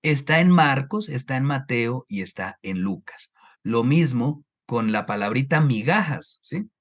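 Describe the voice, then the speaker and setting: A man from Colombia with a highland Colombian accent, giving an online Bible lecture over slides, explaining step by step and asking his listeners rhetorical questions. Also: animated, measured pace. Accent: Colombian highland Spanish. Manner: explanatory, asks rhetorical questions and checks understanding.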